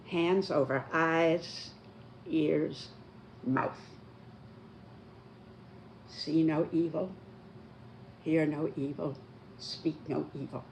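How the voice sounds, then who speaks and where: Very old speaker, slow and deliberate. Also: mid-range voice, a little mellow, slight background noise, rough recording. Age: 90s. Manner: slow, deliberate, emphatic elderly delivery. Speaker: speaker giving a talk.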